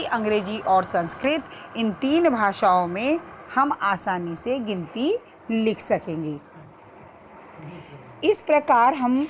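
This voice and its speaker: A middle-aged woman teacher giving a grammar lesson to children, enunciating slowly and deliberately. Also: on the high side. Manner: slow, deliberate enunciation, drawing out each number. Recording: faint background noise.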